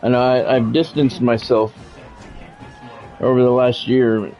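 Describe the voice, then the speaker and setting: This American livestream host has a mid-range, dark-toned voice, delivered flatly at a measured pace. He chats casually and bluntly while calling the game, over music in a dull lo-fi recording.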